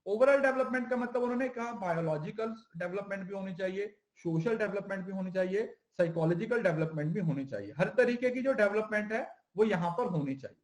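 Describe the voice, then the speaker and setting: A man's voice: high-pitched, expressive, brisk, few pauses, darkish tone, reverberant. A male teacher giving an exam-prep lecture in Hindi mixed with English, who asks questions and answers them himself and repeats the key terms.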